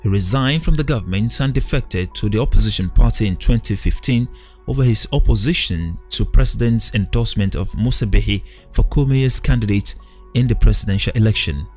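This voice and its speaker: A man narrating a news documentary in a measured, even reading voice. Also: fairly low pitch, faint music behind. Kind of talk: scripted news voice-over.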